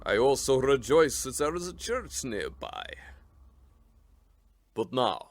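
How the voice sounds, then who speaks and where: Count Dracula, courteous menace, swooping intonation. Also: male voice, mid-range voice, huge pitch swings, dry recording, full character voice. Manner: formal, deliberate, commanding courtesy. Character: old-family Transylvanian count, courteous but quietly menacing vampire. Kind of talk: radio drama acting.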